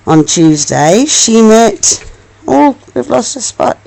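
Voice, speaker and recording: Reading a storybook to her small child, a woman sounds warm and expressive, slipping in coaxing little remarks. She speaks slowly in a slightly high voice with vocal fry, captured on a rough recording.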